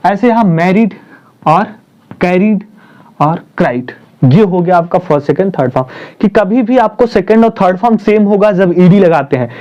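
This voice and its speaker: In a Hindi classroom-style grammar lesson, a high-voiced man repeats his points and poses questions only to answer them himself. He spells out terms slowly and stresses syllables, captured on a dull lo-fi recording.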